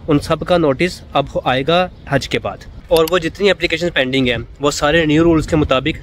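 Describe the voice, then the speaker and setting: A man's voice: a little high, a little hiss or hum. A man from Pakistan, explaining things in a casual vlog, conversational and repetitive, mixing in English words. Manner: conversational, repeats points, mixes in English words. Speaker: vlogger. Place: in Saudi Arabia.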